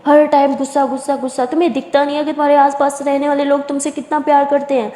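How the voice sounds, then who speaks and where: एक महिला एक डांटने वाली, परेशान मध्यम उम्र की माँ की आवाज़ निकालती है।. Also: female voice, high voice, fast, warm tone, voice pushed up, lightly acted. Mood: scolding. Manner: scolding, exasperated. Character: stern scolding middle-aged mother. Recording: echoey room reverb.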